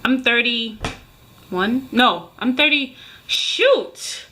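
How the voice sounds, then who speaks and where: Very slowly, a woman in her thirties rants casually and emphatically at viewers in vlogger fashion, with slight background noise in the clip. Her fairly high-pitched voice is expressive, pushed and bright.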